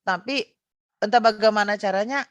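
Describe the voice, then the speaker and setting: As a guest giving casual testimony, a middle-aged Indonesian woman tells of a personal experience with frequent fillers and self-corrections. Her voice is medium-pitched at normal speed, and the audio is dull with no room sound.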